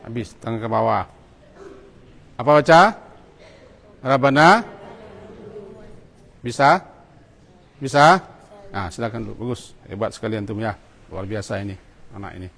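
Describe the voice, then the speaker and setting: A man's voice: fairly low pitch, moderate pace, vocal fry, long pauses, a bit bright. A man, teaching students how to pray in a mosque, giving short commands and coaxing them along. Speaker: religious teacher. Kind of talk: hands-on prayer lesson for students. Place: mosque prayer hall. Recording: long mosque hall reverb.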